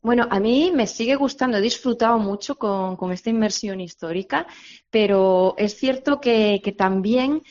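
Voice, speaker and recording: A woman novelist answering interview questions, speaking haltingly with many restarts and fillers. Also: medium pitch, darkish tone. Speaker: novelist guest. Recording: slightly dull lo-fi line.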